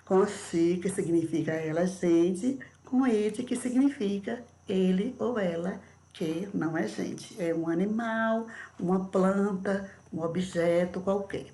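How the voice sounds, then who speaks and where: A middle-aged Brazilian woman teaching English in a remote video lesson, explaining patiently and repeating words slowly. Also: medium pitch, dark tone. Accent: Brazilian Portuguese.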